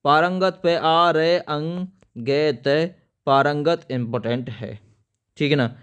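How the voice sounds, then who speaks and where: A man's voice: on the high side, steady tone, slow pace, a bit bright, clean tone. A man teaching an exam-prep spelling lesson, spelling words out letter by letter as he writes and telling viewers to remember the important ones. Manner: addresses viewers as friends, stresses importance.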